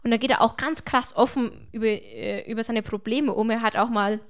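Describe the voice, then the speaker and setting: A woman's voice: on the high side, steady tone, fairly quick. A woman talking casually in a podcast conversation, colloquial and emphatic about how things strike her.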